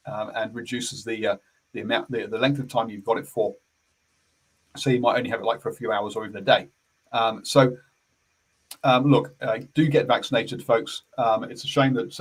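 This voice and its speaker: A man's voice: mid-range voice, slightly rough, rough recording. A man hosting a casual rugby radio chat, hesitant with many fillers and restarts. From New Zealand. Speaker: sports radio host.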